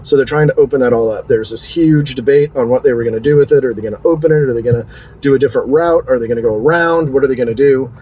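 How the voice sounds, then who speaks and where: A man's voice: mid-range voice, fast talker, darkish tone, slightly rough. A man casually narrating a driving tour as a real estate guide, chatty and self-deprecating, with joking asides. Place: inside a moving car. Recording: car road noise behind.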